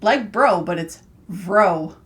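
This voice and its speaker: A woman's voice: medium pitch, expressive, moderate pace, a bit bright. A woman co-hosting a podcast, chatting casually and laughing easily. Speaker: podcast co-host. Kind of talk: casual chat.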